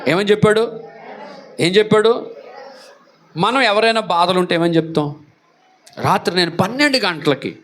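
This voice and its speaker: A man's voice: sits high, fairly bright tone. A man preaching as pastor in a church, emphatic and repetitive, firing rhetorical questions. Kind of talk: sermon.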